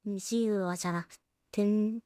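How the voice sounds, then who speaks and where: A solo creator on a stream, a woman talks to herself casually as she works, often mumbling her thoughts aloud. Her mid-range, mellow voice has fairly even intonation and a measured pace, captured in a dry, clean studio recording.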